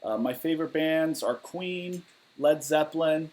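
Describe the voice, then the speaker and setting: A man's voice: on the high side, unhurried, darkish tone, rough recording. Man, 30s, from Southern California; laid-back livestream Q&A host, candid and rambling, laptop mic in a living room. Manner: candid, matter-of-fact, rambling with fillers. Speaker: musician livestreaming Q&A. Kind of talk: casual livestream Q&A, reading viewer questions. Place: living room at home, indoors. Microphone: webcam or laptop mic at desk.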